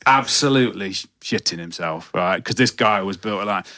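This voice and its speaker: Man with a thick Nottingham accent, bright voice. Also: sits low. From Nottingham, England. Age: 50s. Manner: self-deprecating, halting, doubles back on himself. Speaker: guitarist and guitar teacher, guest. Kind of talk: casual chat, rambling anecdotes.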